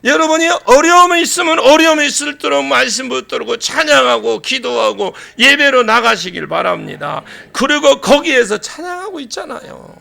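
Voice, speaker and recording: A male pastor preaching a sermon in a church, animated and acting out scenes, raising his voice to a shout for emphasis. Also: very high-pitched, vocal fry. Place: church sanctuary.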